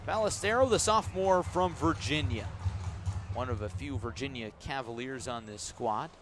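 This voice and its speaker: Background noise sits under this radio baseball broadcast, where a man at a moderate pace calls the pitches in a well-structured commentary style and fills the gaps with conversational storytelling.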